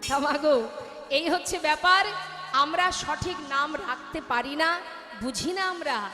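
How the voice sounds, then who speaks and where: High bright woman preaching in an echoing hall. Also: a little slow. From Bengal. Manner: lively, chanting refrains, addressing listeners as mothers. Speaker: kirtan singer and storyteller. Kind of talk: devotional kirtan storytelling sermon. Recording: echoey hall with music.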